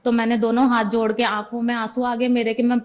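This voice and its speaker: A young woman with a fairly high voice tells her story of faith in an earnest, homely way. She keeps retelling who said what, one exchange after another. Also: level tone, fast talker, highs cut off. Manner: earnest, retells conversations with repeated 'I said'. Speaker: devotee giving testimony. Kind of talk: personal testimony storytelling.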